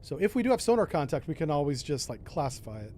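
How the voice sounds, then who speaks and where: A man's voice: on the high side, big pitch swings, fast talker, dark tone, a little hiss or hum. A man doing casual commentary on a submarine game, thinking aloud with mild exclamations. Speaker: gamer, host.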